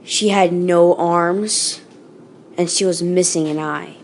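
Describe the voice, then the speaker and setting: A woman's voice: lowish voice, steady tone, slow, a little mellow, slight background noise. A woman telling a creepypasta in a casual, unscripted way, with fillers and self-corrections along the way. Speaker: storyteller. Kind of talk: casual spoken creepypasta reading.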